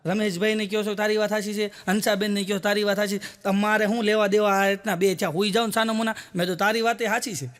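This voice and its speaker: A man's voice: high voice, flat delivery, fast, few pauses, a bit bright. A man telling stand-up jokes, acting out quoted dialogue and repeating little filler words as he goes. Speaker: stand-up comedian. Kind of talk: Gujarati joke telling.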